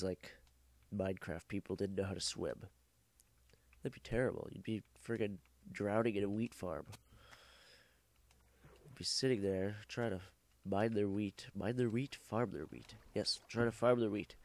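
A man's voice: fairly low pitch, moderate pace, darkish tone, no echo. A young man with a cough, giving rambling, joking gameplay commentary and swearing freely. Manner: rambling, joking, swears freely, corrects himself mid-sentence. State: sick with a cough. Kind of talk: casual let's-play commentary.

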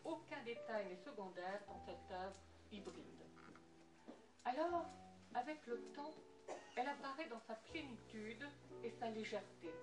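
A woman giving a measured, poetic scripted narration about an art exhibition. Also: on the high side, expressive. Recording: roomy, distant voice with music underneath.

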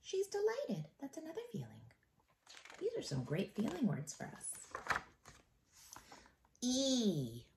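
A middle-aged elementary school teacher reads a picture book aloud to young children, expressive and encouraging, stopping now and then to ask them questions. Her voice is a little high, and the background is noisy.

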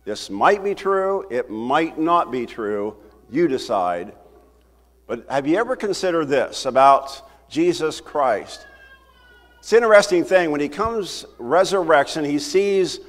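Older pastor preaching in a reverberant sanctuary. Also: male voice, a little high, a little slow. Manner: animated, conversational preaching with wide gestures. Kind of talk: sermon. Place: church sanctuary, at a wooden pulpit. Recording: roomy hall reverb from the sanctuary.

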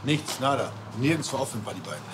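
A man's voice: medium pitch, very animated, a little fast, heavy background noise, close to an everyday voice. An actor playing a stern, impatient male teacher who talks bluntly in a scripted reality TV drama. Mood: frustrated. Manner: blunt, brusque. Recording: echoey room, faint music.

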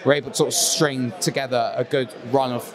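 A man giving measured, reasoned football opinions as a guest on a handheld mic. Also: medium pitch, steady tone. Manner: measured, builds long reasoned arguments. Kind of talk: casual football chat. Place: small studio set with a painted wall backdrop.

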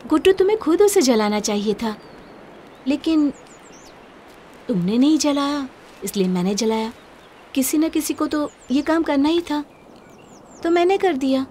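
A high-voiced young woman, coaxing and apologetic, with a giggly, pleading way of talking. Faint outdoor ambience sits behind her voice. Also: expressive, unhurried, pauses often, mellow, a little hiss or hum. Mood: earnest. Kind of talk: Hindi film dub.

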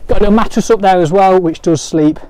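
High, mellow-voiced man's sales walk-around. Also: fast, dry recording. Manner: upbeat sales patter, often repeats words. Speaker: motorhome dealer presenter. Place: outdoors beside a camper van, then inside it. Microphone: phone camera held by the speaker.

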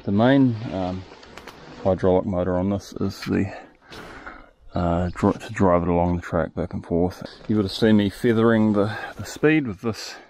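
A man casually explaining his work at an outdoor sawmill yard, recorded on a head-mounted camera, relaxed and thinking aloud. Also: low voice, moderate pace, slight background noise. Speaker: sawmill operator. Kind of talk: casual first-person narration. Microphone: head-mounted action camera.

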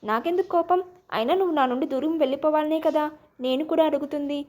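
A woman voicing a hurt, sharp-tongued young wife. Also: high voice, fast talker, natural voice. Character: young adult woman, hurt, proud and quick-tempered wife.

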